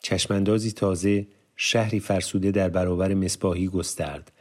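A male audiobook narrator with a very deep, low voice. He reads literary prose in a measured, formal way, with steady pacing.

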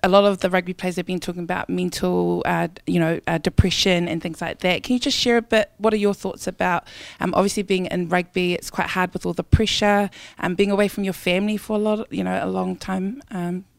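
A woman's voice: fairly low pitch, fairly even intonation, a little fast, creaky, no room sound. Friendly female radio interviewer, dry sound. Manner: friendly, informal, uses fillers.

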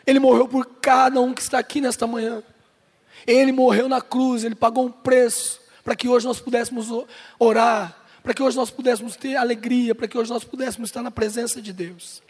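A man's voice: high voice, darkish tone. A man preaching a sermon as pastor, joking with and directly addressing the congregation at a church service. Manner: playful, jokes with and addresses the congregation. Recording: long hall reverb.

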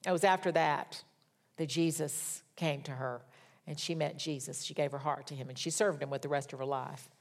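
Woman preaching with fervent, hushed swings. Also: sits low, steady tone, normal speed. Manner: swings from fervent, raised scripture reading to soft, hushed storytelling. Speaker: minister. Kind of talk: sermon.

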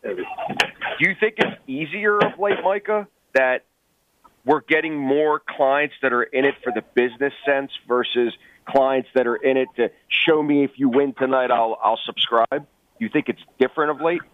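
A man's voice: mid-range voice, moderate pace, no room sound. A man hosting a radio show, asking his guest questions in a curious way. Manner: inquisitive, asks questions. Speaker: radio host. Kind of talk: casual radio interview. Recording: tinny phone-line sound.

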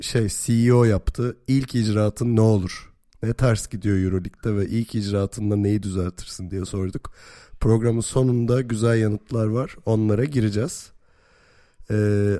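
A man with a slightly hoarse voice hosting a casual sports podcast, talking in a jokey, self-deprecating way. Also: fairly low pitch, mellow, no echo, studio quality. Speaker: podcast host.

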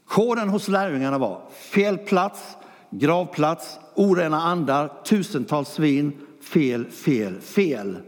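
A man's voice: a little high, lively intonation. Preacher man in a reverberant hall. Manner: storytelling, shifting between loud questions and quiet asides. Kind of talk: sermon.

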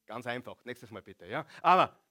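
A man's voice: medium pitch, expressive, normal speed, bright, forceful tone. A man preaching a sermon, animating the congregation with rhetorical questions. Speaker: pastor.

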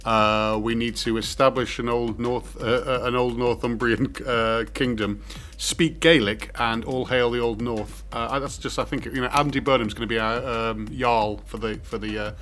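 A man hosts a podcast in a loose, rambling way, full of "uh" and jokes. His pitch sits at an ordinary middle level. Faint music plays underneath. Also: steady tone, normal speed, hardly any pauses, a bit bright. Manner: rambling, jokey, full of fillers. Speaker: podcast host. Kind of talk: casual chat. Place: remote call. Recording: music playing behind.

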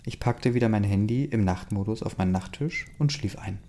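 A man reading a first-person story aloud in a steady, plain way. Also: lowish voice, brisk. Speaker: audiobook reader.

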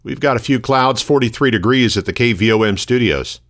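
A man hosting a local radio news programme, reading scripted items in a measured, formal announcer delivery. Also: medium pitch, fairly bright tone.

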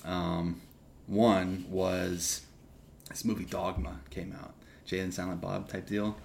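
A young man from Texas, a seminarian guest on a podcast, telling his story casually with lively restarts and asides. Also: low-pitched, creaky, slight background noise. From Texas, USA. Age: young adult. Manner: animated, quick asides and restarts.

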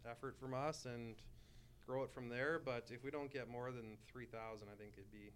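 A man's voice: medium pitch, steady tone, moderate pace, faint music behind. A man speaking as a podcast guest, earnestly promoting his team with frequent "uh" fillers. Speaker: baseball team representative guest. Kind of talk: casual podcast chat.

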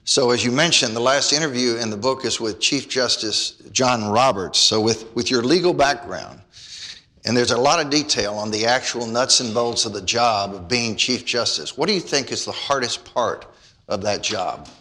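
A man's voice: medium pitch, normal speed, bright, forceful tone. A man hosting a podcast, asking formal interview questions and reading the outro.

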